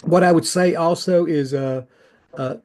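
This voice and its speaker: A man's voice: fairly high pitch, unhurried, darkish tone, a little hiss or hum. An older man, a retired immigration officer, hosting a casual interview over a video call, chatty and full of restarts. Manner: chatty, many restarts and asides.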